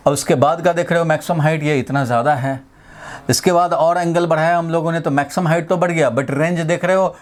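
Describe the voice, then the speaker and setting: A middle-aged man from India gives a physics lesson in a voice pitched a little high. He explains slowly and circles back over each point. He mixes English terms into his Hindi and asks the class rhetorical questions. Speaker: physics teacher. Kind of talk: classroom lecture.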